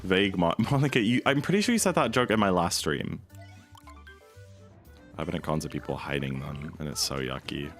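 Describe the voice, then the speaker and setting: A man's voice: deep voice, animated, a little fast, a bit bright, faint music behind. A man streaming a speedrun, chatting casually and rambling with lots of fillers while he reads and answers his chat.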